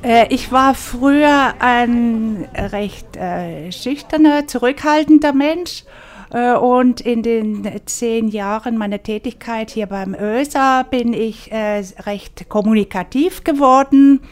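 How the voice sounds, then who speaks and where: A woman's voice: a little high, slow pace. A woman, a volunteer tutor, speaking hesitantly with many filler sounds in an interview. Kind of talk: interview statement.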